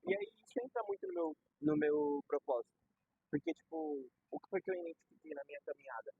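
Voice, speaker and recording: Talking fast in a high, wildly swooping voice that's gravelly and husky, a young Brazilian Portuguese-accented man explains ideas casually using slang and everyday examples. The recording is dull and lo-fi.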